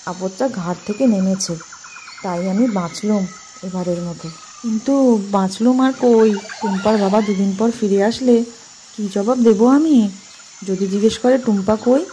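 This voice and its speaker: A woman's voice: mid-range voice, warm tone, slight background noise, lightly acted. Woman playing a harsh, scolding stepmother. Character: cruel, scolding middle-aged stepmother. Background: music.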